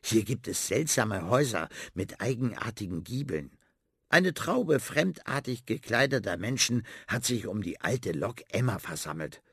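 A man narrating a children's story in a lively storytelling manner. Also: fairly low pitch, unhurried, husky, no room sound, studio quality.

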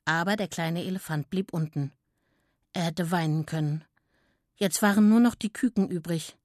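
Lady reading a kids' story, soft and expressive, very dry close sound. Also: fairly low pitch, moderate pace, no echo. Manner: gentle, clear and expressive. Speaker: narrator.

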